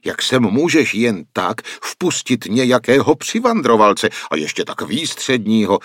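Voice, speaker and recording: A man voicing a sharp-tongued, scolding aunt with a snapping, scornful way of talking. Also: medium pitch, big pitch swings, vocal fry, dry recording, studio quality, pitched above the performer's own voice.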